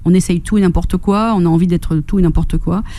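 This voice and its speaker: This radio interview guest is a middle-aged Corsican fitness and nutrition coach whose voice is on the low side, warm, and mellow, and who speaks a little fast. She's bubbly and talkative, laughing often and clearly enthusiastic. Her stories come alive with voices she quotes, all recorded in a radio studio.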